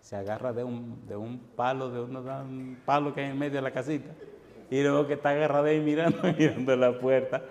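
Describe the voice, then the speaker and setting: A man preaching from the pulpit, his voice mellow and of middle pitch as he tells a vivid story and turns to address his listeners directly. The sound rings through a large church with a long echo and a faint hum of ambience behind it. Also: fairly even intonation, fairly quick. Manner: dramatic storyteller, speaks directly to the congregation. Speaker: pastor. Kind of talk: sermon with personal storytelling. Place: church hall.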